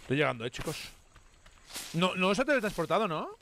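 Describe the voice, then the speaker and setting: A man with a Spain Spanish accent streaming a survival game with friends, often yelling in panic and cursing. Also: sits high, sing-song, a little fast, a little hiss or hum. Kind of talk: live gaming chat with friends.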